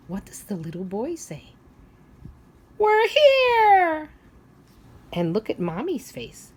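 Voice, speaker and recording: A woman teacher at medium pitch reads a story aloud for small children. Along the way she asks simple questions, then waits for them to think.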